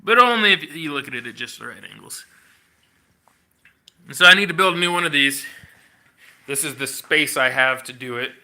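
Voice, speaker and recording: A congested, coughing man hosts a casual livestream from his home workshop or garage, showing a build as he chats. His voice is on the high side at a moderate pace with long pauses, and he rambles in a laid-back way full of fillers and slang.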